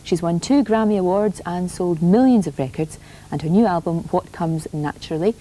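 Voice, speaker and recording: A woman hosting a morning television show, asking her guest brisk, probing questions. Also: on the low side, warm tone, slight background noise, poor audio. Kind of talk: TV interview.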